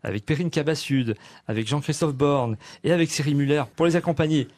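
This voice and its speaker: A man's voice: a little high, a little fast, darkish tone. Chatty male radio host. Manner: casual, many fillers and restarts. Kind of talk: live radio interview.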